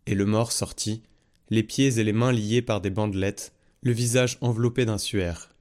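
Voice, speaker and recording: A man reading a Gospel passage aloud in a measured, even way. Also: on the low side. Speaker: Bible reader. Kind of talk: scripted Bible reading.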